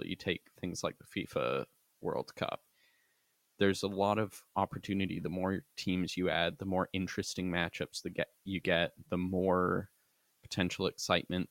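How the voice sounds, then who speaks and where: A man's voice: sits low, creaky, no room sound. A man co-hosting a casual sports podcast, earnestly arguing his view at length. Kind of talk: casual rugby talk.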